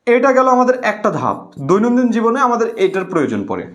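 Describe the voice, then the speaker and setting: Animated, high-voiced male teacher. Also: fast. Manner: repeats key words, asks students to comment. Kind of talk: online class lecture.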